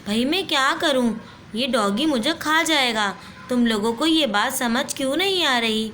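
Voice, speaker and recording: A woman's voice: high-pitched, expressive, a little slow, fairly bright tone, slight background noise. A woman voicing a timid, forgetful little girl in a doll play story, whiny and pleading. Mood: scared.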